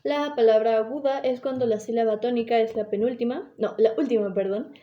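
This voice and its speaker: A woman's voice: on the high side, a little fast, lo-fi sound. A woman giving a class presentation, reading with hesitations, fillers and frequent self-corrections.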